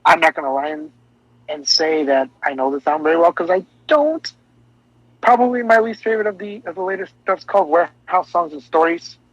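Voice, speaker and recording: Man, podcast co-host, higher-pitched and eager, dry and dull lo-fi sound. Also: brisk, no room sound. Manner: enthusiastic, rambling with restarts. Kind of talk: casual music discussion.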